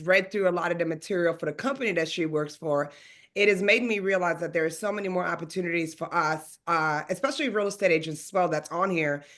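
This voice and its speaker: Presenting a webinar on a video call, this woman from Sweden, a realtor and business coach, keeps things relaxed, cheerful and talkative. Her voice is lowish with a fairly bright tone.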